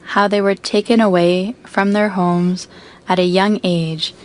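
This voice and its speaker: A woman interpreter giving a translation voice-over of a formal speech, with a measured, solemn delivery. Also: medium pitch, flat delivery, slight background noise, poor audio.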